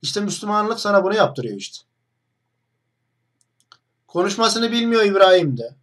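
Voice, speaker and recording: A man's voice: sits high, big pitch swings, normal speed, a bit bright. A young man hosting an online video, talking straight to the camera in a mocking, combative monologue full of rhetorical questions.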